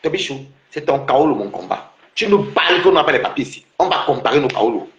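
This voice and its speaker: A man's voice: fairly high pitch, very animated, a little fast, echoey room, muffled recording. A man taunting a rival on his livestream, repeating himself and laughing mockingly.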